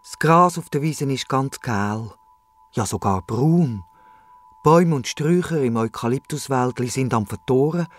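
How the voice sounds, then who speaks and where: A man's voice: mid-range voice, measured pace. Swiss German man narrating a kids' story. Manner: lively storytelling. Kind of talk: children's radio play narration.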